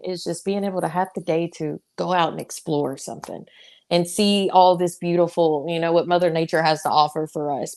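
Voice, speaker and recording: Woman, Southern accent, slightly low pitch, casual interview guest, chatty, laughs often. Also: vocal fry, darkish tone. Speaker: guest, professional wrestler.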